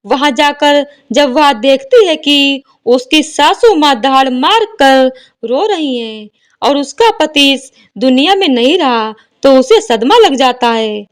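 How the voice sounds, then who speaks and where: Slow, high-voiced woman storyteller. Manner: steady, measured storytelling. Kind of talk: scripted devotional story narration.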